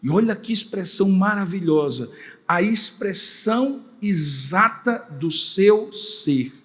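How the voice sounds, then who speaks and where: An older male pastor delivers an emphatic sermon, stacking rhetorical questions and repeated lines. His voice sits notably high. A long reverb from the church sanctuary trails every phrase. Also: lively intonation, slow, pushed and bright.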